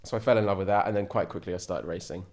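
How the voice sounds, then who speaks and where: Deep-voiced man, chatty guest. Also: racing, a little mellow. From England. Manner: enthusiastic, rambling with frequent restarts. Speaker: podcast guest, ocean sailor. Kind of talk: casual interview chat.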